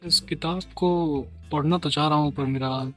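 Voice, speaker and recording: A man's voice: fairly high pitch, fairly even intonation, normal speed, fairly bright tone, faint music behind. A young man, making a joking vlog with wry asides as he wanders a book fair. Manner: joking, wry asides, switching between Hindi and English. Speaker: vlogger. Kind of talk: casual comic vlog narration.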